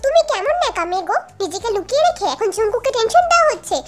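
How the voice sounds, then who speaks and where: A woman's voice: very high-pitched, big pitch swings, rapid-fire, loud music behind the voice. A woman voicing a jealous young woman who insults and threatens her rival, in a storybook reading. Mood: spiteful.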